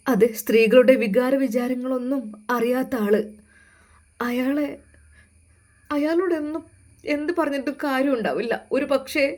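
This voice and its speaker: A woman's voice: sits high, a little mellow, close to an everyday voice. A woman voicing a young wife, tearful and defiant, refusing in raised, emphatic lines.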